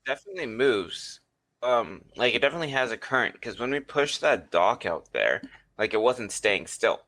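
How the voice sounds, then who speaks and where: A man's voice: medium pitch, expressive, moderate pace, sharp tone. A young man co-hosting a casual podcast, arguing in a rambling way full of fillers over a voice-call mic. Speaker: podcast co-host. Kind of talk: casual chat. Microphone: computer mic over a voice call.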